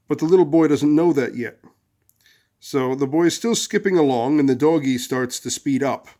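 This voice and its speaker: A man hosting his own advice video, rambling through a long story with fillers and restarts, and rising loud and high when he acts out angry lines. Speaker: host of a relationship advice video series. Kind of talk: casual advice monologue with storytelling.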